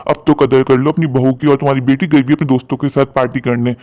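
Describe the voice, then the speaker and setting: A man's voice: mid-range voice, little pitch movement, quick pace, darkish tone, natural voice. A man playing a reproving old father-in-law. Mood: admonishing. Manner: firm, admonishing. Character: older father-in-law, fair-minded and reproving.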